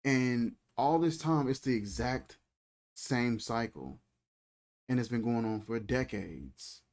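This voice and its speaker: A man in his thirties hosts a faith channel, giving a reflective, conversational talk in a loose, colloquial style and repeating phrases. His mid-range voice is animated and slow, with a darkish tone.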